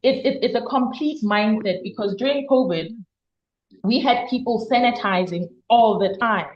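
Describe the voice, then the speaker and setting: A woman's voice: on the high side, normal speed, roomy sound, lo-fi sound. A woman giving health advice in a casual question-and-answer chat, explaining at length and repeating words for emphasis. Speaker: health guest expert.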